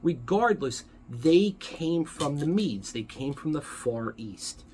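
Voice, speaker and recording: A man as pastor, teaching a sermon in a conversational, halting way, with frequent self-corrections. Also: on the high side, lively intonation, darkish tone, slight background noise. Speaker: pastor teaching a Bible study.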